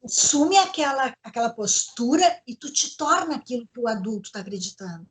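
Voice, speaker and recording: A woman leads a parenting discussion in a high, clear voice. She speaks earnestly and instructively, often turning to address listeners directly. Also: expressive, fairly quick. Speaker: host, educational psychologist.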